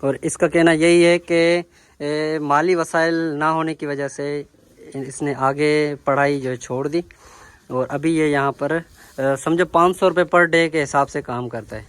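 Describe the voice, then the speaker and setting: Man interviewing in the fields, voice a bit high. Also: fairly even intonation, unhurried, fairly bright tone, clear, resonant tone, no room sound. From Sindh, Pakistan. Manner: asks short questions and repeats each answer back. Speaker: village vlogger interviewing workers. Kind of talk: casual interview and talk to camera. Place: outdoors in village farmland.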